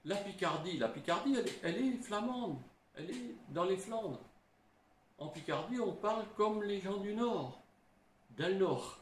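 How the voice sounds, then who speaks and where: A middle-aged man, a historian, explaining in a halting way, full of restarts and little tag words. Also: high-pitched, expressive, a little hiss or hum. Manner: halting, frequent "hein" and restarts. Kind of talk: explanatory talk. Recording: roomy with faint ambience.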